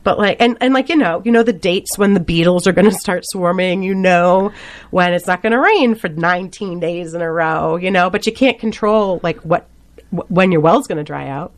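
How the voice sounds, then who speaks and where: Animated, chatty woman with a faint Boston accent. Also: lowish voice, moderate pace. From Boston area. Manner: animated chatterbox, laughs often, full of fillers. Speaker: radio show guest. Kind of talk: chatty interview conversation.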